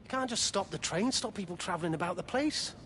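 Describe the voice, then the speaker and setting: Brief: fretful stationmaster, a touch high, faint noise. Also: male voice, animated, quick pace, fairly bright tone. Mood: grumbling. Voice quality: grumbling, worried. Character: grumbling middle-aged stationmaster, anxious.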